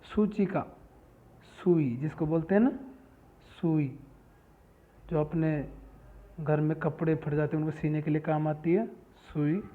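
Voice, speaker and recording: Slow-spoken male teacher, tinny phone sound. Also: a little high, steady tone. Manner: repeats each word and asks questions back; reads terms slowly one by one. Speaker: school Sanskrit teacher. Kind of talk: lesson explaining word meanings.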